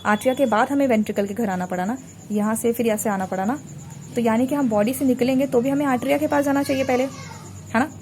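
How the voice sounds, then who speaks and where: A woman's voice: on the high side, quick pace, darkish tone, slight background noise. A woman teaching a biology revision lesson while drawing a diagram, patiently repeating terms so students remember them. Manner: patient, repeats terms to drill memory tricks. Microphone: recorded while drawing a diagram on a board.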